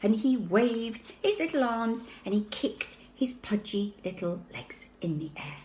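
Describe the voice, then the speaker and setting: A woman reading a children's book aloud with expressive, sing-song storytelling. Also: mid-range voice, a little slow, slight background noise. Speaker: reader.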